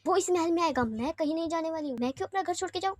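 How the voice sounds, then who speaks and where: A woman's voice: very high voice, racing, a little hiss or hum, voice pushed up. A woman reading a story aloud, voicing a cheeky, spoiled young daughter who pouts and talks back. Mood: defiant. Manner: pouting, defiant.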